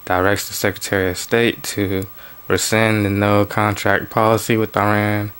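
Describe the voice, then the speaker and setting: A man reads political news aloud in a low, level voice that barely rises or falls. His tone is smooth and clear. He breaks off into loose, offhand remarks and restarts between the articles. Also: little pitch movement, normal speed, fairly bright tone. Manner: plain reading broken by offhand asides and restarts. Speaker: political commentary vlogger. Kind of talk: reading news articles aloud with casual commentary.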